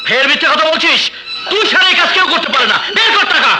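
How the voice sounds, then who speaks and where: An actor playing a righteous elder son, earnest and pleading, in a film scene with music behind. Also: male voice, very high voice, sing-song, brisk, poor audio. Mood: angry. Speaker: elder brother. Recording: film soundtrack with music underneath.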